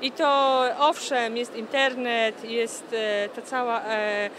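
In a noisy, busy indoor book fair hall, a nun in her thirties from a publishing house answers questions at a stand into a handheld interview mic. Her voice is fairly high and level, and she speaks slowly and earnestly, with many hesitant "e" fillers and "tak?" tags.

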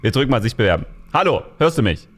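A man talks through a horror game in casual commentary, joking and yelping at scares. His pitch leaps all over the place, from low mutters to high shrieks. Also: fast. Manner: excitable, jokey, yelps when startled. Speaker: let's play host.

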